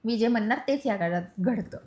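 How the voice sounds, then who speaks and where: A young woman from Maharashtra chats with her husband on their couple vlog. She talks in a lively, teasing way and laughs often. Her voice sits fairly high. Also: brisk. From Maharashtra, India. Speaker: vlogger telling her love story. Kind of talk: casual chat.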